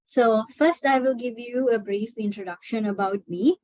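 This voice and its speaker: Hesitant and full of filler sounds, a young woman from Sri Lanka presents a webinar as a PhD student. She speaks at normal speed in a slightly high, darkish voice, and the audio is poor though without echo.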